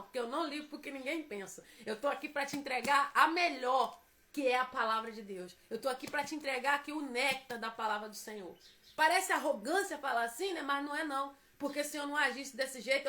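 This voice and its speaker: A woman's voice: high voice, pushed and bright. A woman preaching a devotional sermon, emphatic and repetitive as she urges her listeners on.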